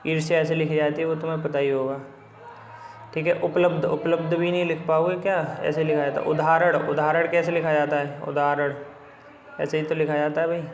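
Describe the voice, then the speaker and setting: A man's voice: a little high, little pitch movement, a little fast, echoey room, dull audio. A man teaching Hindi spelling for exams, running through a book's questions and repeating each word over and over with casual asides. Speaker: Hindi exam tutor. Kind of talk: spelling lesson walking through a book.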